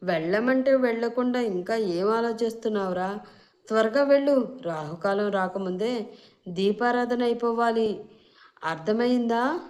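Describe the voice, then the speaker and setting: A woman's voice: a little high, expressive, normal speed, long pauses, a little mellow, pitched above the performer's own voice, lightly acted. A woman voicing an irritated middle-aged mother who scolds her son impatiently. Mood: scolding.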